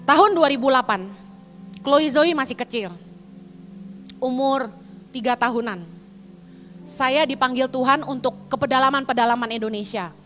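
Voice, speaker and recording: Animated woman preaching, bright high voice. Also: moderate pace, long pauses, big-room sound, faint music behind. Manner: animated, dramatic storytelling with sudden high bursts. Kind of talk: sermon with personal testimony.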